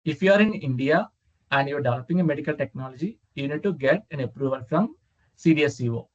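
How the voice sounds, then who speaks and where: A man's voice: on the high side, animated. Give me a man explaining patiently over a slightly muffled video call, full of hesitant "uh"s as he answers a question. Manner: halting, many "uh" fillers, patient explaining. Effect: heard over a video call. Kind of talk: unscripted Q&A explanation.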